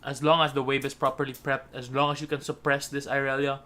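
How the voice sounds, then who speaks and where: A man's voice: medium pitch, little pitch movement, quick pace, bright, forceful tone. A man giving color commentary on an esports match, chatty and teasing his co-caster.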